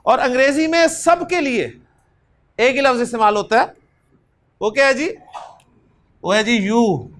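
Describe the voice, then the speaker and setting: Slow high-voiced man drilling words. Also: fairly bright tone. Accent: Pakistani Urdu. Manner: slow, repeats words in rhythmic drills and checks in with the class. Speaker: Arabic teacher. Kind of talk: classroom lesson with drilled recitation.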